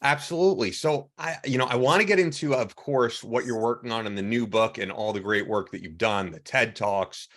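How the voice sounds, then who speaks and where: A man's voice: medium pitch, brisk, few pauses, a bit bright. A man hosting a podcast, introducing his guest with enthusiastic, rambling praise and plenty of fillers. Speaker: podcast host. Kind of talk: podcast interview.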